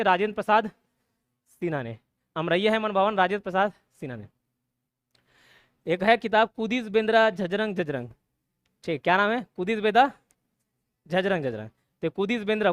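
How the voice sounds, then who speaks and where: A man's voice: high-pitched, fairly bright tone, clean tone, dry recording, studio quality. A man teaching an exam prep class. He uses memory tricks, repeats each point, quizzes the class and checks in with "theek hai". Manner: repeats points, asks the class quiz questions, says "theek hai" often. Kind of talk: mnemonic-based exam prep lecture.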